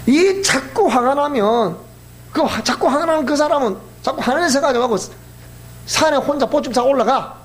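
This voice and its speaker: A middle-aged male pastor with a Gyeongsang Korean accent, preaching in a folksy, animated storytelling manner. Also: extremely high pitch, moderate pace, a little hiss or hum. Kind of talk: sermon.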